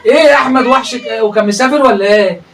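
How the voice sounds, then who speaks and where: A man's voice: extremely high pitch, rapid-fire, far from the mic, noisy background. A man with an Egyptian accent giving teasing comedic commentary on a livestream, laughing often and breaking into exclamations. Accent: Egyptian Arabic. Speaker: comedic reaction host. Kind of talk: mocking reaction commentary on a livestream.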